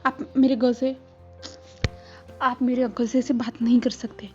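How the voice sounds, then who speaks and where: A woman's voice: fairly high pitch, flat delivery, a little slow, lightly acted. A woman voicing a clingy young man who protests and pleads to stay by his uncle's side. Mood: upset, pleading. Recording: slightly dull with soft music.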